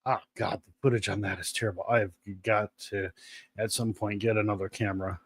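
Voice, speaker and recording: Mann, plaudernd, flucht und scherzt. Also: male voice, on the low side, flat delivery, fairly quick. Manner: rambling, profane, joking. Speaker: podcast co-host. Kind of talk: casual live-stream chat.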